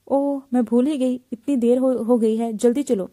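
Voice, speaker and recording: A woman voicing a brisk young woman doctor who teases her friend, in a storybook reading, with a hurried manner. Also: on the high side, steady tone, dark tone, lightly acted. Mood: hurried teasing.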